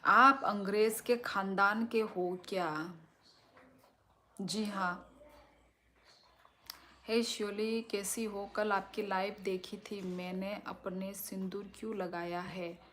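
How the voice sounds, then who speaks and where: Woman livestream host, strong loud voice, slow and chatty, middle pitch, phone mic. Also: steady tone, slight background noise. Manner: chatty, thanks viewers and asks for likes. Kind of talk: casual livestream chat reading viewer comments.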